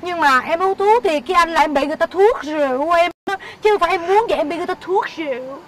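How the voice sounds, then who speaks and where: A woman's voice: extremely high pitch, fast talker. A woman playing a teasing ex-girlfriend. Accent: Southern Vietnamese. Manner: teasing, chattering and mocking. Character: young woman parting from her ex-lover. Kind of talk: comedy sketch acting. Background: background music.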